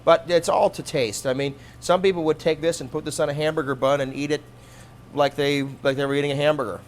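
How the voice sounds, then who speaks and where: A man demonstrating a recipe in a studio kitchen, explaining each step in a relaxed, practical way. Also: on the high side, brisk, slight background noise. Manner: relaxed, practical, thinks aloud with small restarts. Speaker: cooking demonstrator, fisherman.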